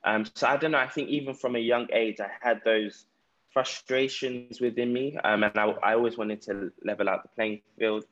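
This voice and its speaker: A man's voice: medium pitch, fairly even intonation, normal speed, fairly bright tone, lo-fi sound. A man with a South London accent telling his own story conversationally as an interview guest. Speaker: podcast guest, entrepreneur. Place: remote call from Ghana.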